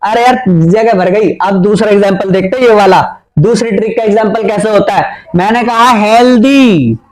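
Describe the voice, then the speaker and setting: A man's voice: high-pitched, moderate pace, a little mellow, rough recording. A man teaching a playful grammar lesson at a board, chatty and teasing his students, with a Hindi accent.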